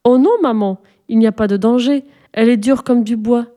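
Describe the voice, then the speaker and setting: A woman reading a storybook aloud and voicing an excited, headstrong little girl in a raised voice. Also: on the high side, a little fast, natural voice. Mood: insistent. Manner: excited, pleading.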